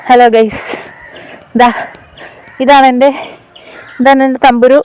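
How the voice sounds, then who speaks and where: A woman's voice: high-pitched, flat delivery, slow, darkish tone, a little hiss or hum. A young woman and mother chatting casually in a family vlog, coaxing and teasing small children.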